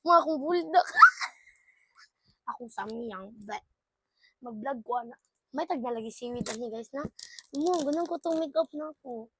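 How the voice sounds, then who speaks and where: An excitable young woman talks through a casual vlog, her voice bright and high. She keeps exclaiming and switches into English as she goes. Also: moderate pace, pauses often, background noise. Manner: excitable, exclaiming, mixes English with local talk. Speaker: vlogger.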